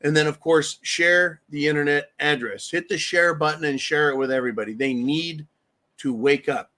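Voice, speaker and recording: A man's voice: fairly high pitch, fairly even intonation, normal speed, sharp tone. A man hosting a live stream, talking bluntly with heavy profanity and acting out the people he talks about. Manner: blunt, profane ranting, acts out quoted voices. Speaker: livestream host. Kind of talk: casual live-stream commentary.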